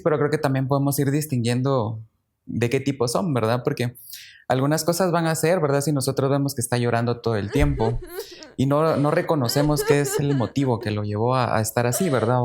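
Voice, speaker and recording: A man's voice: medium pitch, darkish tone. A man with a Guatemalan Spanish accent, a psychologist explaining his ideas thoughtfully on a podcast. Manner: thoughtful explanation with frequent "verdad". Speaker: psychologist and special educator. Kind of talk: podcast conversation.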